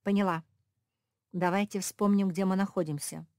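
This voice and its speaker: A woman voices a thoughtful, clever female pug who patiently explains things and asks questions, in an explaining mood. Her medium-pitched, darkish, natural voice moves at a moderate pace with fairly even intonation. The sound is clean studio audio with no room sound.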